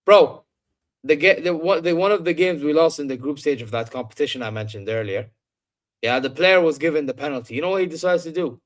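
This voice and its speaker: A man's voice: fairly high pitch, fairly quick. A man hosting a casual sports chat, opinionated and repeating himself for emphasis. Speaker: show host.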